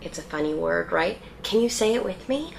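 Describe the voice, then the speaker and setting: A woman's voice: on the low side, animated, normal speed, creaky, slight background noise. A woman presenting a children's show to young viewers in a broad, singsong, theatrical way, as its host. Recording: loud music behind the voice. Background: loud children's music.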